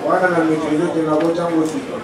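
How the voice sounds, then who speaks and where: A man's voice: fairly high pitch, flat delivery, brisk. A man in his thirties from Kasai-Oriental, giving short, terse answers under questioning. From Kasai-Oriental, Congo. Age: 30s. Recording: echoey, distant mic with loud crowd.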